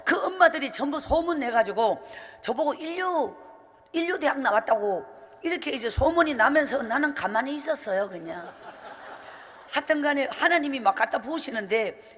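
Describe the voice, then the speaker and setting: High-voiced Gyeongsang woman preaching. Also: moderate pace. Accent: Gyeongsang Korean. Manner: animated storytelling, acts out dialogue with laughter. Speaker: evangelist. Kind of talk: revival sermon testimony. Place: church sanctuary. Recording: church hall with long reverb.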